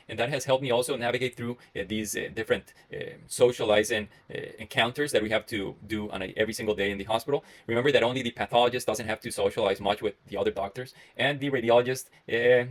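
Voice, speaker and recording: A medical resident from Costa Rica, in his thirties and speaking with a Costa Rican Spanish accent, addresses the camera alone in a mid-range voice. His reflections come out earnestly and ramblingly, broken by many pauses and restarts.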